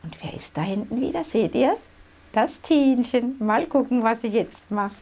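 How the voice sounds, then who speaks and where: A woman's voice: fairly high pitch, animated, moderate pace. Woman reading a picture book aloud. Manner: warm, chatty asides to young listeners. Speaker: children's book reader.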